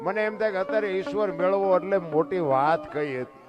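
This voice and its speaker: A man's voice: high voice, a little fast, lo-fi sound, over loud music. A man telling devotional folk stories on stage in a folksy, emphatic way, with rhetorical questions and snatches of song. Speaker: folk storyteller. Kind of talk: devotional folk storytelling talk.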